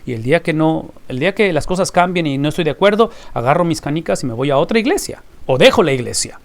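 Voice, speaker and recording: A man's voice: a little high, lively intonation, fast. A man teaching a recorded Bible class, emphatic and fond of rhetorical questions he answers himself.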